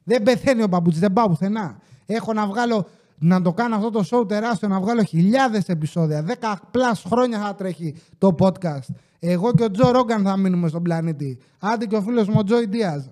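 A male podcast host with a voice that sits high tells comic stories in a casual, animated way. He acts out what customers said and swears freely.

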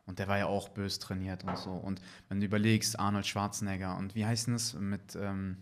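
A man's voice: low-pitched, level tone, fairly quick. A man in casual conversation, tentative and thinking aloud as he goes. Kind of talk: casual chat.

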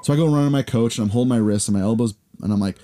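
A man in his forties, a podcast co-host, telling a long story in casual chat with lots of fillers, acting out the people he quotes in higher voices. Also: very fast, mellow, slight background noise. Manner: rambling, filler-heavy storytelling.

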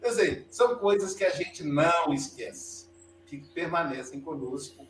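A high-voiced Brazilian man in his fifties tells a story in a reflective storyteller's way. He sounds set back from the mic in a roomy space, with a faint hum behind him. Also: measured pace, fairly bright tone, distant mic. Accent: Brazilian Portuguese. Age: 50s. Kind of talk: storytelling a childhood memory.

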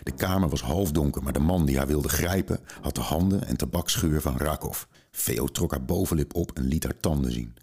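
Very deep-voiced man reading a story aloud. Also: breathy edge. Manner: calm, measured storytelling. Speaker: podcast host and reader. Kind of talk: reading a children's book aloud.

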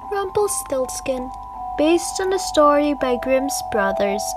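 A woman's voice: high voice, sing-song, takes it slowly, over music. A woman hosting a children's podcast, carefully reading a storybook and explaining words aloud.

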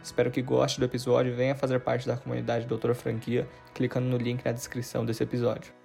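A man's voice: mid-range voice, monotone, fast, gravelly, a little mellow, soft background music. A man from Brazil hosting a podcast, reading a polished, upbeat intro and then asking questions. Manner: polished, upbeat presenter delivery. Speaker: podcast host. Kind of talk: scripted intro and interview.

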